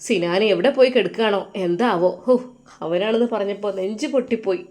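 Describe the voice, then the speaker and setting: A woman's voice: medium pitch, a little fast, a little mellow, lightly acted. A woman voicing a worried middle-aged father, sorrowful and sighing. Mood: heartbroken.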